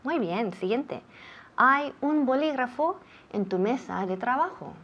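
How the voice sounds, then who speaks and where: A woman's voice: high voice, lively intonation, unhurried, fairly bright tone. A woman teacher from running a bilingual English lesson, patiently repeating words for pronunciation drills. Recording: dull lo-fi sound.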